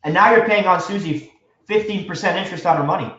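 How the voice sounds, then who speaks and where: A man teaching a live real estate seminar, energetic and quizzing his audience with questions. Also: sits high, quick pace. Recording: echoey room, dull lo-fi sound.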